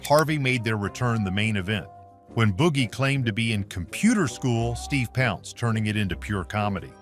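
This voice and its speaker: A man narrating a comedy compilation with brisk storytelling. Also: lowish voice, lively intonation, over music. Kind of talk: scripted narration.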